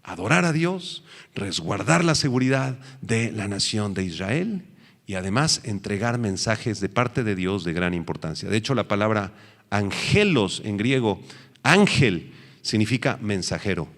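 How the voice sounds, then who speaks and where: A man's voice: fairly low pitch, animated, measured pace, fairly bright tone, long reverb tail. A male pastor teaching a sermon, asking the congregation questions and answering them himself.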